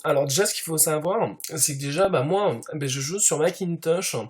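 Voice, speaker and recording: A man's voice: on the high side, normal speed, heavy background noise. A man doing a comedic parody monologue as a smug show-off, padding every sentence with fillers. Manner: smug show-off persona, heavy fillers, constant "tu vois". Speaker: YouTuber.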